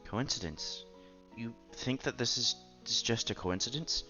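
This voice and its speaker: A man with a mid-range voice reads slightly slowly, his delivery pushed and bright. He is a channel host reading a visual novel aloud as narrator and lead, and he occasionally stumbles over words and rereads them. The audio is dull, and background music plays.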